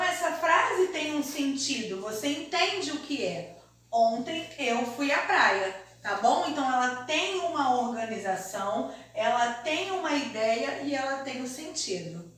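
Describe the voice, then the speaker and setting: High-voiced Brazilian teacher in an echoey room. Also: female voice, a bit bright. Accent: Brazilian Portuguese. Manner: slow, deliberate, sing-song explaining to young children. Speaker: primary school teacher. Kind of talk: remote primary school lesson. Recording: very echoey room, mic far off, faint hiss.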